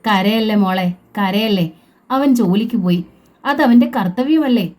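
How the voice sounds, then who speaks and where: A woman's voice: mid-range voice, measured pace, a little mellow, soft background music, natural voice. A woman reading as a tender anxious mother. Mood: comforting. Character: anxious middle-aged mother comforting her daughter-in-law.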